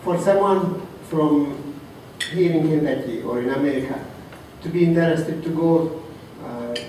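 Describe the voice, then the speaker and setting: Man from Africa, halting tribute speech, far off in a very echoey room with clear noise. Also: a little high. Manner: soft-spoken, halting, many fillers. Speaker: colleague giving a tribute. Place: reception room. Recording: roomy, distant, noisy room recording.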